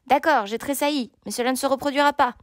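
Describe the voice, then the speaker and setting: A brave young male knight shouts his defiance in this storybook, his voice raised and keen, as a woman reads him. He is proud and fiery. The recording is dry and close. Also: sits high, fast, no room sound, pitched above the performer's own voice, lightly acted. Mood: impatient. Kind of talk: storybook reading.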